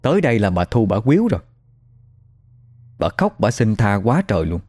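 A man's voice: on the low side, very animated, moderate pace, darkish tone, breathy edge. A man telling a first-hand story in a casual, conversational way.

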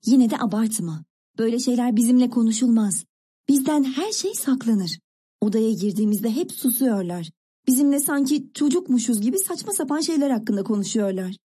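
A woman voicing a thoughtful teenage older sister who confides a secret in a musing, hushed way. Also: on the high side, lively intonation, a little fast, husky. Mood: scolding.

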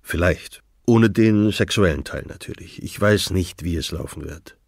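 A man reading an audiobook, voicing a reserved, hesitant older man, a retired teacher, in a quiet, subdued voice. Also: low voice, a little slow, vocal fry, no room sound, studio quality, heavily acted. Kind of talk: audiobook dialogue.

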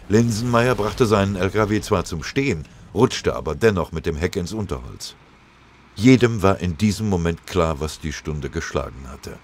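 A man's voice: low-pitched, slight background noise. A man reading a war story aloud in a dramatic, vivid storytelling manner. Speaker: narrator. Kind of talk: scripted audiobook narration.

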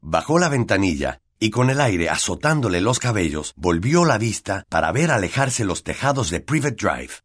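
A man with a Latin American Spanish accent narrating a fantasy audiobook in an expressive storytelling manner. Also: on the low side, normal speed, few pauses. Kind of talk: scripted narration.

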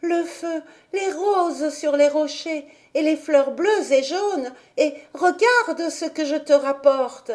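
A woman voicing an eager, curious little mountain girl asking questions in a high voice. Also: takes it slowly, dark tone.

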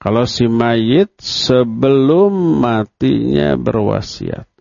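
A man's voice: medium pitch, slow, creaky, a little mellow, no echo. A man preacher giving a religious study lecture. He poses rhetorical questions, answers them himself, and acts out what people would say. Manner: acts out quoted speech of the dead and the family. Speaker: Islamic preacher. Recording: dull, dry lo-fi lecture recording.

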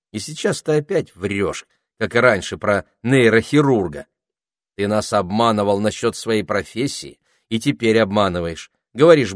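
Male reader doing a sharp, clever girl, brisk and firm. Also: fairly low pitch, no echo, clean studio sound, voice pushed up, lightly acted. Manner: firm, reproachful.

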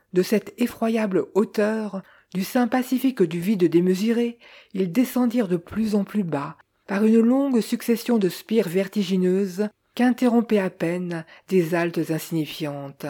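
A woman narrating a novel in a measured, unhurried reading. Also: medium pitch, mellow. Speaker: audiobook narrator. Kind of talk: scripted literary narration.

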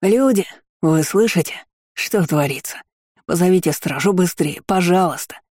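A man voicing a hysterical male shopkeeper who begs and sobs after being caught in a lie, shrill and pleading. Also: normal speed, a little mellow, dry recording, studio quality. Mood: panicked. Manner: shrill and sobbing.

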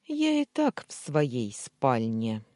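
A reader voicing a calm, possessive, domineering man in an audiobook, in a husky, soft-spoken way. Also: mid-range voice, slow, no echo, clean studio sound. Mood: insistent. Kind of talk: audiobook dialogue reading.

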